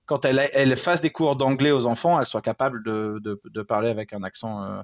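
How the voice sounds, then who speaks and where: A man speaks as a guest in a casual interview, hesitating often and restarting his sentences. His voice sits at an ordinary pitch. The sound is a little dull and lo-fi, with no room echo. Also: steady tone, fairly quick. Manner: hesitant, many fillers and restarts; self-deprecating, laughs at himself. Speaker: interview guest, father in a blended family.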